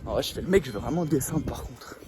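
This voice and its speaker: Speaking fast and expressively in a mid-range voice, a man chats to the camera for a laid-back outdoor vlog. He's on a mountainside with a noisy background, joking around and swearing in loose slang.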